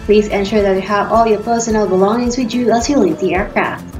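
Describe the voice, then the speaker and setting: A woman's voice: medium pitch, fairly even intonation, fairly quick, a little mellow. A woman with a Filipino accent reading cabin announcements aloud as a flight attendant, in a formal, polite scripted style. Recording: roomy echo, background music. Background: faint to clear music.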